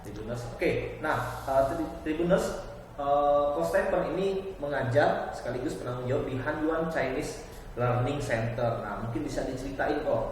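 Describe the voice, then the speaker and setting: A man's voice: medium pitch, normal speed, slight background noise. A male interviewer, talking casually to the audience and his guest. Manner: brief affirmations, conversational. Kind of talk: interview host. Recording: distant mic in a reverberant room.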